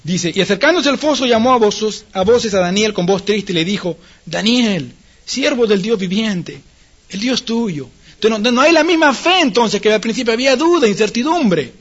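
High-voiced man preaching a lively sermon. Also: a little fast, few pauses, muffled recording. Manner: animated preaching with acted-out quotes and laughs. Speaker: pastor.

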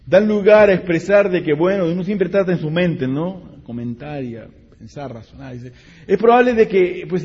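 Guy preaching a sermon, somewhat high husky voice, acts out the bible story, talks right to the church folks, long hall echo, dull lo-fi sound. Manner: animated, dramatic voicing of scripture characters, direct asides to the congregation.

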